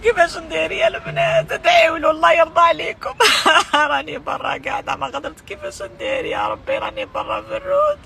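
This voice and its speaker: A woman with an Algerian Arabic accent, crying in distress and shouting through sobs as she makes a repetitive, pleading appeal to her followers. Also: very high-pitched, huge pitch swings, fast, creaky, few pauses, slight background noise. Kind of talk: emotional personal plea to followers. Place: outdoors by a road.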